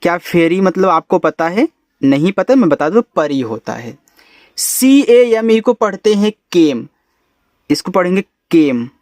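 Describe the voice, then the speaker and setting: A man's voice: sits high, very animated, a little slow, a little mellow, no echo. A man teaching English, spelling out each word letter by letter and explaining its meaning patiently. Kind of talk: spelling out and reading a story word by word.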